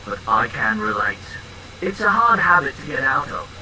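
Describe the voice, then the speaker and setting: A man's voice: medium pitch, big pitch swings, normal speed, bright, forceful tone, a little hiss or hum, rough recording. Synthetic male voice as a smug flirty sparring man. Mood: friendly curious. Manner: teasing, calls the listener love and darling. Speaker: AI chat character. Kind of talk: text-to-speech role-play narration.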